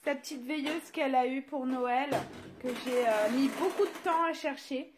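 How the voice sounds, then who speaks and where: In her child's bedroom, a young mother vlogs on a phone she holds while filming, chatting casually with many fillers. Her voice is high-pitched at a moderate pace, there's background noise, and she goes sing-song with her small kids.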